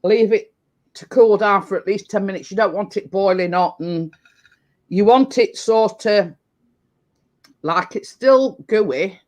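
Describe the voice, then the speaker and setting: A woman hosting a home baking live stream talks in an easygoing, unhurried way. She circles back and repeats herself as she explains. Her delivery is loose and chatty. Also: mid-range voice, darkish tone. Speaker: baking show co-host. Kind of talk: casual live-stream chat.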